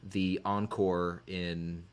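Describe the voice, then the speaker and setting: A man's voice: deep voice, flat delivery, extremely slow, clear, resonant tone. A man hosting a podcast in casual chat, easygoing and thinking aloud as he gives his opinions. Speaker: podcast host.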